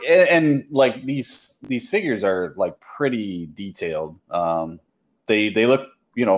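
A man co-hosting a casual podcast, rambling with many fillers and laughing often. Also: lowish voice. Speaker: podcast co-host. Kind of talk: casual chat.

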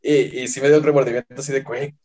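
A man's voice: mid-range voice, level tone, very fast, darkish tone. A young man with a Mexican accent, chatting casually on a podcast, slangy and rambling, swearing freely. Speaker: podcast guest. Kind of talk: casual chat.

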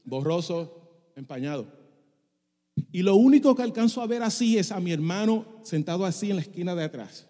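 A man's voice: sits high, lively intonation, moderate pace, warm tone, in a large hall. A middle-aged male pastor preaching a passionate sermon, dropping English phrases into his Spanish. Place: church sanctuary.

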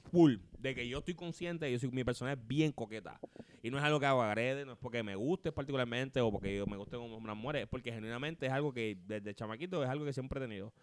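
A man, co-hosting a podcast in casual chat and telling stories in a rapid, animated way full of slang. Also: medium pitch, slight background noise. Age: 30s. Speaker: podcast co-host.

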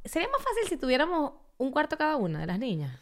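A woman's voice: high-pitched, huge pitch swings, fast. A woman in her thirties with a Venezuelan accent, chatting and telling stories as a podcast co-host, often laughing. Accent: Venezuelan Spanish. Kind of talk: casual chat.

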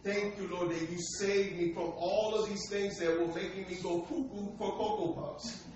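A man's voice: high-pitched, fairly even intonation, normal speed, a little mellow. An American man preaching a sermon to a congregation in a streetwise, colloquial way, with rhetorical questions and calls for response. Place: large echoey indoor room, church service. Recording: echoey hall, distant dull mic, faint noise.

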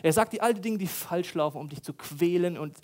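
A preacher, giving a lively sermon with loud outbursts, soft asides and provocative questions to the congregation. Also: male voice, high-pitched, a little fast.

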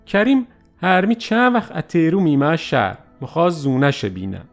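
A man narrating a first-person story in a lively, animated way. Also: a little high, soft background music.

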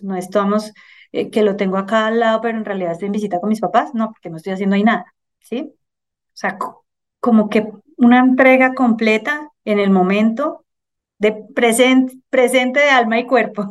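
A middle-aged woman with a Colombian Spanish accent, speaking as an interview guest in an earnest, animated way and often checking in with "¿sí?". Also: medium pitch. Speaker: finance director, guest. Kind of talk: casual conversational interview.

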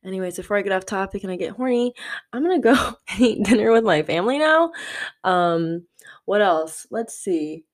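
A woman's voice: mid-range voice, animated, normal speed. A woman in her twenties hosting a solo podcast, talking candidly and rambling with lots of "like" fillers. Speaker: podcast host.

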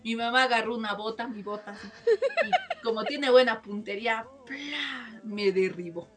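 A woman, co-hosting a podcast in animated, laughing casual chat. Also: a little high, fairly quick, crowd noise. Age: 20s. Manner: animated storytelling, laughs often. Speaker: podcast co-host.

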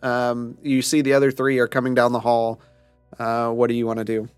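A man running a tabletop game as game master, narrating in a halting way with many pauses. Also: medium pitch, completely flat delivery, smooth, dry recording, faint music behind. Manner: halting, with many ums and restarts.

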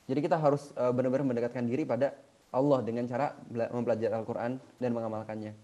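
A man delivers a casual sermon at a brisk clip. His voice is mellow and dark, and he tells his stories with animated, colloquial energy. He breaks into chanted Arabic Quran verses. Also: medium pitch, lo-fi sound. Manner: animated storytelling in colloquial speech. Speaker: Islamic preacher. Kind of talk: casual religious talk.

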